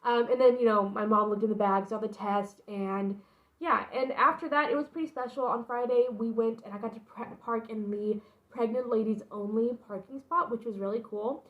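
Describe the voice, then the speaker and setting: A woman's voice: on the high side, steady tone, moderate pace, phone-quality sound. A young adult woman vlogging casually about her pregnancy announcement, telling the story in a rambling, informal way with frequent asides. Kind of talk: casual personal storytelling to camera.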